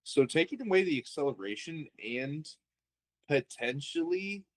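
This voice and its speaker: A man's voice: a little high, lively intonation, measured pace, low-quality recording. A man commentating on a card game match, thinking aloud and asking analytical questions about the plays.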